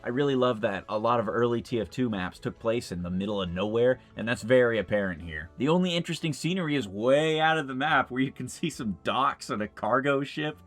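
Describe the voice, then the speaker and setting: A man's voice: mid-range voice, expressive, brisk, few pauses, faint music behind. Young guy doing chill game commentary, mid voice, laid-back, chuckles a lot. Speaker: YouTuber host. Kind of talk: casual video game commentary.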